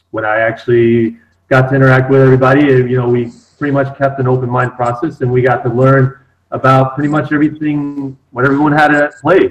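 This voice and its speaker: A man's voice: medium pitch, lo-fi sound. Rambling young-sounding man, lots of fillers. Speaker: cast member. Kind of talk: casual online Q&A.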